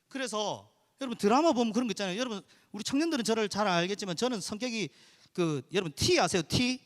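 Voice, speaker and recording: A male pastor, telling a personal story in an earnest sermon to his congregation in a church sanctuary. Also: sits high. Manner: earnest, animated storytelling, addresses the congregation directly. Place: church sanctuary during a midweek service. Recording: reverberant church hall.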